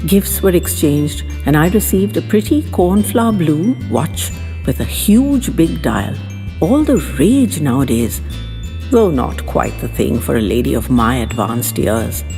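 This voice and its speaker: A female narrator plays a genteel woman in her seventies recounting her story with animated, swooping intonation, her slightly low voice set in long reverb over music. The language is old-fashioned and dramatic, like an audio story, delivered a little slowly in a warm, content mood.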